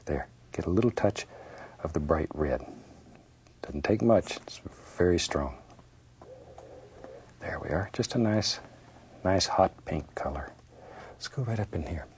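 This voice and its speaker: A low-pitched man speaks as a gentle painting instructor, soothing and unhurried. He talks the viewer through each step off the cuff, with folksy, playful encouragement. Noticeable background noise sits behind his voice. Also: animated. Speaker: painting instructor, show host. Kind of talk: unscripted step-by-step painting demonstration.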